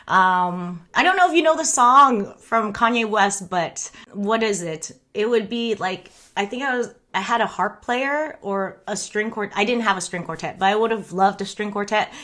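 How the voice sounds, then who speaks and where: With a mid-range, slightly bright voice, a young woman from the United States rambles candidly during a livestream. The streamer keeps it casual and often breaks into laughter.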